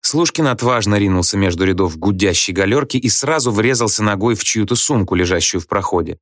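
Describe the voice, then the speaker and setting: A man reading a story aloud as an audiobook narrator, in an even, wry storytelling manner. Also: fairly low pitch, brisk, dry recording, studio quality. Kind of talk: scripted narration.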